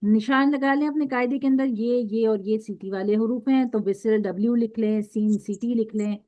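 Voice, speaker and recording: A woman's voice: a little high, fairly even intonation, moderate pace, mellow. A woman teaching a recitation class, patiently drawing out syllables one by one for her students to repeat. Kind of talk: classroom instruction. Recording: dull lo-fi recording.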